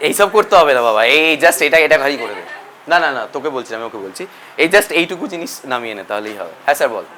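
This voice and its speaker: Male teacher, Bengali accent, classroom lecture, quizzing style; sharp bright tone. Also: medium pitch, big pitch swings, rapid-fire, a little hiss or hum. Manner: mixes Bengali and English, quizzes students. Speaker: physics teacher.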